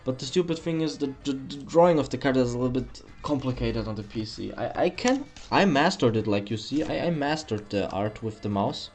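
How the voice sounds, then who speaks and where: A young German-accented man hosts an art tutorial, casually rambling through a drawing, correcting himself often and dropping mild swears. His slightly mellow, mid-pitched voice has lively intonation and moves a bit fast with barely any pauses, captured by a computer mic in a small home room over faint background music.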